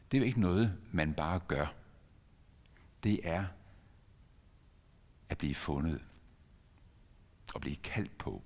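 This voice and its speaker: An older man preaching a sermon as a pastor, telling a story earnestly with sudden emphatic rises in his voice. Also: extremely low pitch. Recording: long church reverb.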